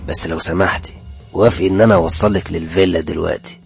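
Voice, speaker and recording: A sly young man with a deep, gravelly Egyptian voice, as a storyteller puts him on. He talks slowly and smoothly, half teasing, half pleading, over faint music in a horror tale. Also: fairly even intonation. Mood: earnest. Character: sly young man, the cousin's mocking friend.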